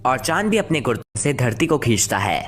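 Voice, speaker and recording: A woman voicing a knowing, patient male gas giant, lecturing assertively, in an educational animated comedy dub. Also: a bass voice, brisk. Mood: firm, explaining. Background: faint background music.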